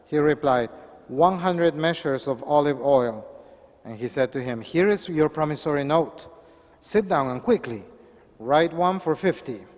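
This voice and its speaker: A priest, reading the Gospel and preaching in a measured, earnest way. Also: male voice, fairly high pitch. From Peru. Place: church. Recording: echoey church hall.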